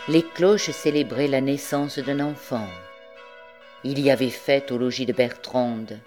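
Female audiobook narrator, low and deep-toned, expressive classic-novel reading. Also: measured pace, soft background music. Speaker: volunteer audiobook reader.

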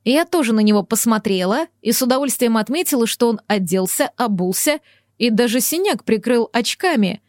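A woman narrating a first-person audiobook in a wry, lively storytelling manner. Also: fairly high pitch, brisk, no room sound, clean studio sound.

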